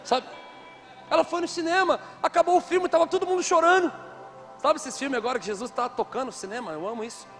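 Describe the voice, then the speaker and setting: A man's voice: very high-pitched, fast talker, soft background music. A man preaching a conference sermon into a handheld microphone, telling stories with playful asides. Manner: lively storytelling with playful asides.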